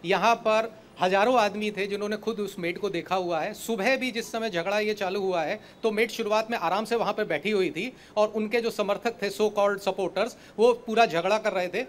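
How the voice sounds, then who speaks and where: An indignant man gives a reporter his eyewitness version of events, slipping English phrases into his speech. His voice is high for a man, with faint ambient noise behind him. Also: normal speed, hardly any pauses. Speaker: resident witness.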